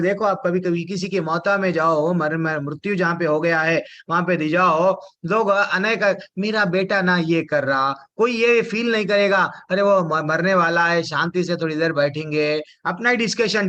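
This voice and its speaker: A man teaching a devotional scripture class who asks rhetorical questions and then answers them, drops English words into his talk and slows down to chant verses. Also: fairly high pitch, a bit bright, highs cut off.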